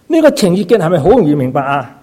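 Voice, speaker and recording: A man's voice: a little high, big pitch swings, quick pace, warm tone. A man who is a preacher and a doctor, delivering a sermon and often asking the congregation rhetorical questions, sprinkled with short interjections. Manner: frequent "na" and "ha" interjections.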